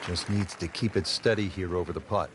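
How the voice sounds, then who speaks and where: A man's voice: low voice, steady tone, brisk, background noise. A man delivering polished play-by-play golf commentary. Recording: music and crowd behind voice. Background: music and crowd ambience.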